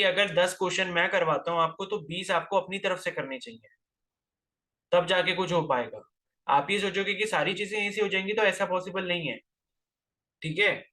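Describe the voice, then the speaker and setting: A man's voice: high voice, pushed and bright. A man teaching a physics class, lecturing and scolding his students with rhetorical questions, terms into his speech.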